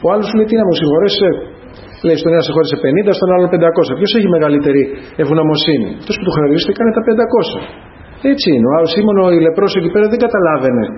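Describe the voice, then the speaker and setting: A man's voice: a little high, lively intonation. Earnest preacher man, dull lo-fi sound. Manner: earnest, repeatedly addressing the congregation as brothers. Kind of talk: sermon. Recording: dull lo-fi sound with faint noise.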